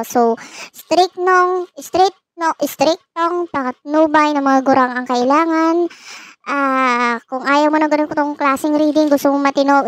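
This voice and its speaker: High-pitched teasing woman tarot reader. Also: no room sound. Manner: playful, teasing, laughs often. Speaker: tarot reader and channel host. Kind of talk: casual tarot reading.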